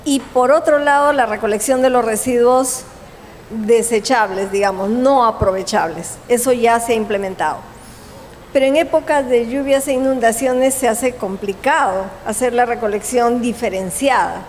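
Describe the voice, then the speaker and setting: A woman with a fairly high voice speaks at a conference, explaining steadily and pausing to correct herself. Her voice carries a long hall reverb, with faint ambience behind it. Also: slight background noise. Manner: measured, explanatory, with pauses and self-corrections. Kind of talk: conference presentation and Q&A answer.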